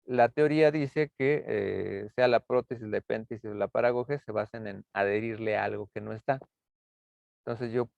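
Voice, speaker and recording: Male lecturer, gravelly, hesitant and filler-heavy, dry tinny call audio. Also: medium pitch, dry recording. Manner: halting, many fillers and tag questions. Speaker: university lecturer. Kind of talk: lecture explaining rhetorical figures. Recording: tinny phone-like online class audio.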